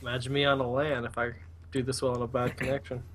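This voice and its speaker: A man with a medium-pitched voice chats casually on a voice call while gaming. He comments informally as the second player alongside a host. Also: flat delivery, quick pace, a bit bright, slight background noise.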